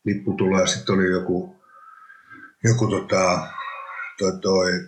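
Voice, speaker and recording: Low-voiced man, halting, in an echoey room. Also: flat delivery. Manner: rambling, halting, with many restarts. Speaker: interview guest, former professional hockey player. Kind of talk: casual interview. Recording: roomy echo.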